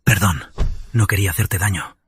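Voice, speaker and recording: A man playing a low-voiced hired saboteur. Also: normal speed, a little hiss or hum, natural voice. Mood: blunt. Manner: blunt, apologetic. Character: shady hired man who sabotages a woman. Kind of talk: dubbed drama dialogue.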